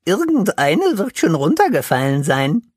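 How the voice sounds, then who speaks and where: A man voicing an excitable young male bush pig in a children's audiobook, in a high squeaky voice. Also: unhurried, husky, dry recording, studio quality, exaggerated voice. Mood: excited. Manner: eager and easily upset.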